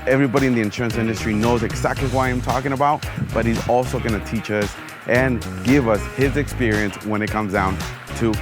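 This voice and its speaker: Energetic male host with music behind. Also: mid-range voice, brisk. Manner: energetic, switches between English and Spanish. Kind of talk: upbeat show intro and interview. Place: outdoors in a vehicle.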